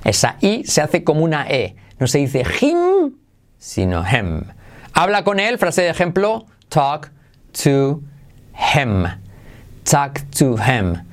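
A man hosting a podcast pronunciation lesson, energetic and drilling each word by slow repetition. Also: a little high. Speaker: English pronunciation teacher, podcast host.

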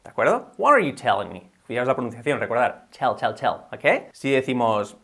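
A man's voice: mid-range voice, big pitch swings, a little fast, creaky, pushed and bright. A man teaching English vocabulary in a bilingual video lesson, upbeat and constantly checking in with his viewers. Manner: upbeat, switches between English and Spanish, keeps checking with "ok?".

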